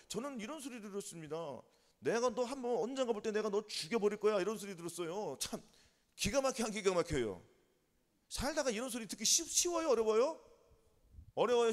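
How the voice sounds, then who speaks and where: A high-voiced man preaches with lively swings in pitch, tossing yes-or-no questions at his congregation. His voice carries through a long church reverb. He speaks in the steady, exhorting rhythm of a Sunday sermon. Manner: call-and-response questions to the congregation. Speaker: pastor. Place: church sanctuary.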